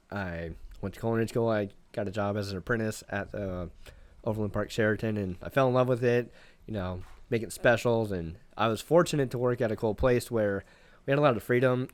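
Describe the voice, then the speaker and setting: A young man, a private chef, chatting casually on a podcast in a relaxed, rambling way full of fillers. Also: on the low side, a little fast. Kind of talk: casual interview chat.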